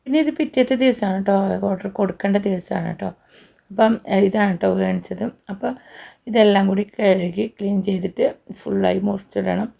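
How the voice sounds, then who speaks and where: A woman's voice: medium pitch, creaky, dark tone. A woman, short of breath, chatting homely through a casual cooking vlog. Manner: chatty, homely, frequent tag particles. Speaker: cooking vlogger.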